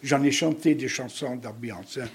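Older male guest, husky and upbeat, a lively teller of band anecdotes. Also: medium pitch, normal speed. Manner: lively, jovial storyteller. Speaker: longtime band member, guest. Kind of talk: casual reminiscing.

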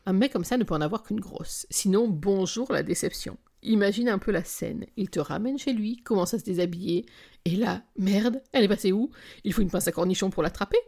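A woman voicing an excitable, teasing young best friend who exclaims and gossips. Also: medium pitch, fairly quick, creaky. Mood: mischievous. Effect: heard over a speakerphone in the story.

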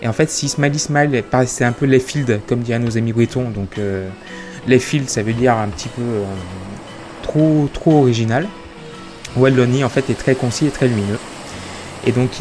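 A man's voice: mid-range voice, brisk, a little mellow. Hesitant French man over background music. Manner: hesitant, many fillers and restarts. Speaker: host of a music chronicle. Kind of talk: casual spoken music review. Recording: music playing behind the voice.

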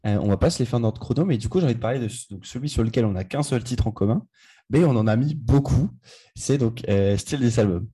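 A man's voice: mid-range voice, quick pace, dark tone, husky. A man co-hosting a casual music podcast, enthusiastic and rambling with frequent restarts. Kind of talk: casual chat.

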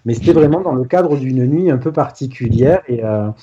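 A man's voice: mid-range voice, lively intonation, moderate pace, mellow, breathy edge. A man telling a personal ghost story in a casual, hesitant way, full of restarts and fillers. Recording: dull lo-fi sound.

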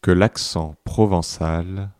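A man reading a dictation aloud, deliberately repeating each phrase and speaking the punctuation marks. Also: sits low, steady tone, a little mellow, clean tone, no echo, studio quality. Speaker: dictation reader.

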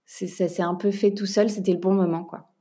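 A woman from France, a podcast guest and entrepreneur, chatting casually with many pauses and fillers, laughing now and then. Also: mid-range voice, little pitch movement, warm tone. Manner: hesitant, many fillers and restarts, laughs often. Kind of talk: casual chat.

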